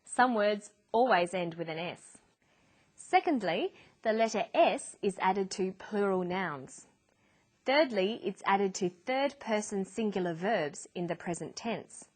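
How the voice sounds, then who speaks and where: A woman presents an English lesson at an unhurried, measured pace. Her pitch sits in a middle range, and she delivers each point clearly and deliberately, as in a scripted educational narration. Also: lively intonation. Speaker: English teacher.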